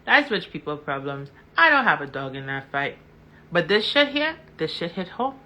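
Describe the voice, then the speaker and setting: A woman commentates passionately to her live-stream audience, addressing them directly and driving points home by repeating words and questions. Her slightly low voice comes across bright and forceful, with big pitch swings at a normal speed.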